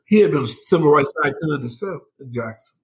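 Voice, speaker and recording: Older guy, 70s, telling his story loose and lively, lots of "man," laughs easy. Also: mid-range voice, a little fast, low-quality recording. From Mississippi, United States. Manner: animated storyteller who laughs and says "man" often. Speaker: guest. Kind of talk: casual first-hand storytelling.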